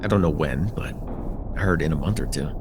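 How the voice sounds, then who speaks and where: With music playing behind him, a young man speaks in a bass voice, a little fast, as a friendly, somewhat nervous college student in a casual, stammering ASMR roleplay chat. His mood is wistful and disappointed, his delivery hesitant, self-deprecating and easygoing.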